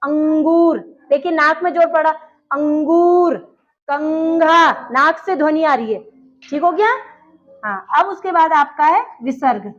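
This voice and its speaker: A woman's voice: sits high, expressive, moderate pace, a bit bright. A woman teaching a grammar lesson, explaining step by step and asking questions that she then answers herself. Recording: dull lo-fi recording.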